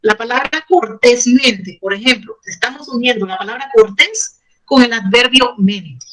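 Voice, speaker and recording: A woman teaching a grammar lesson to her class. Her voice is bright and sits fairly high. She explains patiently, repeats key points and uses gentle diminutives. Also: moderate pace, low-quality recording. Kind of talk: online Spanish grammar lesson.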